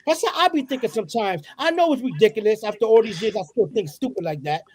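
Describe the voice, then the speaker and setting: A woman co-hosting a casual sports podcast, animated and joking, firing off questions. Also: on the high side, fast talker, breathy edge. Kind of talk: casual chat.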